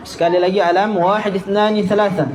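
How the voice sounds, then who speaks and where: A male Quran teacher from Indonesia running a tajwid lesson, repeating syllables and chanting verses slowly for students to copy. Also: high voice, flat delivery, rough recording. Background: group of students in the room.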